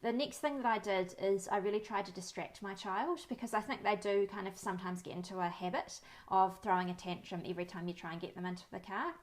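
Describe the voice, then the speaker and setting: A woman, in her thirties, talks to camera as a parenting educator. Her voice sits at a middle pitch, and she speaks in a friendly, calm, reassuring way, telling little stories from her own life. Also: fast talker, few pauses. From New Zealand. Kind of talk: talking-to-camera advice.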